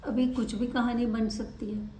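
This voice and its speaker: A woman auditory-verbal therapist gives an instructional talk to parents, speaking deliberately and expressively and stressing key words. Her voice is fairly high, picked up by a distant mic in an echoey room with a little hiss or hum.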